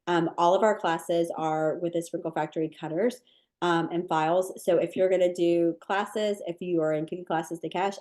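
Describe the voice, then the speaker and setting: A woman with a low voice answers viewers' questions as a cookie decorating instructor in a live webinar. She keeps it casual and relaxed, with lots of ums and likes.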